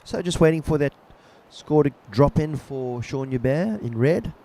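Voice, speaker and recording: A man giving casual, laid-back live commentary as a surf contest announcer, unhurried and chatty. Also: fairly high pitch, lively intonation, dark tone. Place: outdoors at a surf beach. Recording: outdoor ambience with clear background noise.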